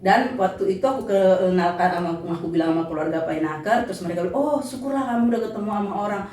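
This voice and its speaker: Woman storyteller, blunt, lively, quoting people; echoey, distant mic. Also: medium pitch, fast, soft background music. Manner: lively, blunt, laughs often, acts out quoted lines. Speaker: guest telling her story. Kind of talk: casual storytelling chat. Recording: echoey room, voice far from mic.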